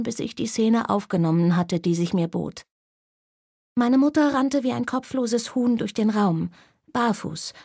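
A woman narrating an audiobook in the first person, telling the story in a lively way. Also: on the high side, dry recording, studio quality.

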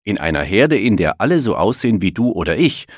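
A friendly young patchwork elephant from a picture book, speaking a touch higher and brighter than the narration, as a man reads him. The voice is still deep underneath and lively in its rise and fall. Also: brisk, dry recording, studio quality.

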